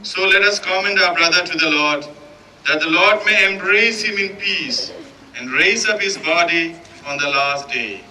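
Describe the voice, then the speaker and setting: A man's voice: high voice, measured pace, pushed and bright. A man leading a solemn graveside prayer as a priest, reading the burial liturgy. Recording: distant mic, faint background noise.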